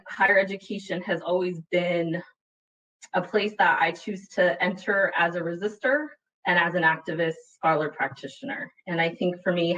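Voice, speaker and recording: A woman's voice: on the low side, fairly bright tone. A woman from Utah, a panelist telling a personal story in a webinar, earnest and reflective, often checking in with "right?". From Utah, USA. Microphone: video call computer mic. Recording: dull, distant webinar audio.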